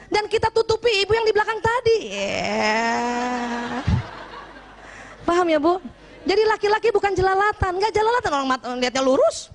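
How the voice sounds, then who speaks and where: An Indonesian woman giving a lively religious lecture to women, playfully acting out husbands and wives as she talks. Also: very high-pitched, normal speed, a little hiss or hum. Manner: lively, playful, often acts out husband and wife.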